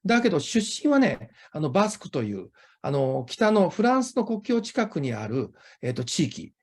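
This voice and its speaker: This is a native Japanese interview host with a Japanese accent. The delivery is conversational and highly animated in intonation, moving freely around a mid-range pitch. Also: quick pace, breathy edge.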